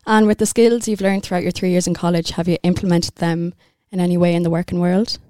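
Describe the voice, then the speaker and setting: A woman's voice: on the low side, flat delivery, fast talker, dark tone, no room sound, studio quality. A young woman with an Irish accent, hosting a podcast and asking questions in a casual interview style. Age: young adult. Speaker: podcast host.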